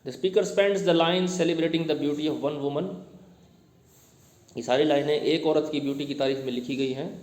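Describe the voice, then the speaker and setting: A male teacher giving a classroom lecture: he reads English text slowly, explains it in Hindi, and quizzes his students as he goes. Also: a little high, steady tone, a little mellow. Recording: echoey room with long reverb.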